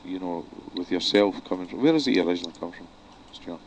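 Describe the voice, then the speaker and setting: Man, radio host, very deep voice, gravelly, blunt questions, faint noise behind. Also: quick pace, rough recording. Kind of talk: unscripted radio interview.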